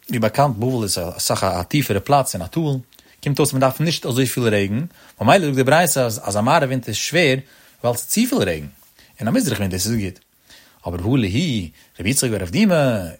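A man's voice: medium pitch, breathy edge. A man giving a traditional religious text-study lesson, explaining step by step in a sing-song cadence and repeating the key terms.

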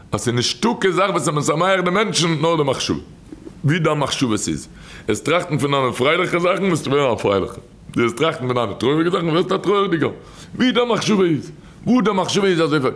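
Gravelly-voiced man giving a storytelling sermon. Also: a bit bright. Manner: repetitive, emphatic, with sudden rises and drops in pitch.

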